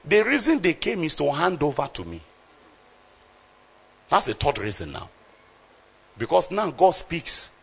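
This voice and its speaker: A man's voice: fairly high pitch, sing-song, measured pace, vocal fry, pauses often, husky. A man preaching a sermon, explaining scripture verse by verse and calling out emphatically to his congregation.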